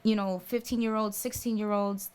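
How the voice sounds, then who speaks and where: Chatty woman with a smooth voice. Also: mid-range voice, flat delivery, moderate pace, a little mellow. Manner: chatty, laughs often, says "you know what I mean". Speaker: podcast guest. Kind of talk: casual interview chat.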